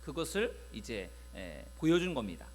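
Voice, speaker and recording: Retelling a Bible story to his congregation, a male pastor preaches his Sunday sermon conversationally, frequently pausing on filler sounds. His mid-range voice is very animated.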